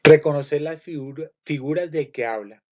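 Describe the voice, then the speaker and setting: A man reading a literature lesson aloud in a measured way, going through lists item by item. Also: on the high side, warm tone. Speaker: literature teacher. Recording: muffled lo-fi recording.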